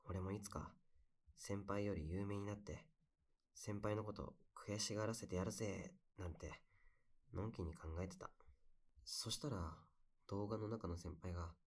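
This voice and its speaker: A young man playing a heartbroken guy who softly confides about lost love in casual, wistful, intimate pillow talk. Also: deep voice. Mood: rueful, casual, then quietly surprised. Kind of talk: intimate pillow-talk audio role-play.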